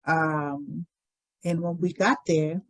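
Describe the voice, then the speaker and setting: Woman in her 60s, low voice, very slow pace, reflective storytelling, many pauses. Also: fairly even intonation, rough recording. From Liberia. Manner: unhurried, thoughtful, many pauses and "um"s. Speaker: interviewee telling her life story.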